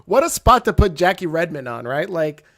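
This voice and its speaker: A man hosting a casual wrestling talk show, excitable and reading out viewer comments. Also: a little high, moderate pace, no echo. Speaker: show host.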